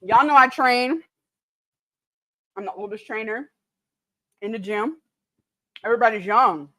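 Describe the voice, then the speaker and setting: A high-voiced woman in her late thirties chats on her cooking livestream, laughing and reading viewer comments aloud while tipsy from mimosas. She speaks at a measured pace in a bright, forceful tone, and the recording is rough.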